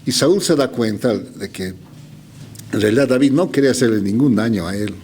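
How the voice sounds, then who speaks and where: A male preacher tells a scripture story to his congregation, his voice rising and falling widely as he narrates. He slows down to read passages deliberately and keeps calling his listeners brothers. Faint noise sits under the recording. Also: medium pitch, expressive, darkish tone. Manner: slow deliberate scripture reading. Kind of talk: storytelling sermon.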